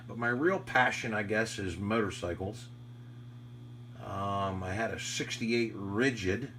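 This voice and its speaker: An American amateur radio operator, a man with a lowish, fairly bright voice, rambles casually and nostalgically in a reflective, conversational monologue. The audio is clearly noisy, with a hum running through it.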